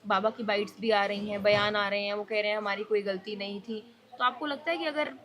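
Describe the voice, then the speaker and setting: A woman reporter conducts field interviews for the news. She asks probing questions at an even, ordinary pitch, pressing her interviewees for answers. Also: fairly quick.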